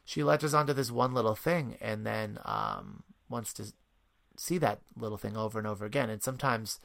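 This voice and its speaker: A man's voice: fairly low pitch, normal speed, vocal fry, a bit bright. A man speaking as a parent guest, telling rambling anecdotes in casual chat and laughing often.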